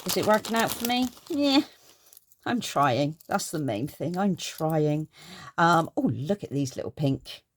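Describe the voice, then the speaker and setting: A woman's voice: low-pitched, big pitch swings, measured pace. A middle-aged woman chatting casually through a craft haul in her garden craft room, gushing and rambling. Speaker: craft vlogger.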